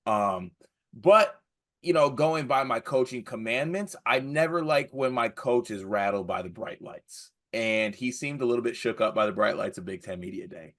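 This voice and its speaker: A man's voice: medium pitch, animated, moderate pace, fairly bright tone. An American man co-hosting a casual sports chat, conversational and wry, often repeating phrases for effect. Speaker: sports podcast co-host.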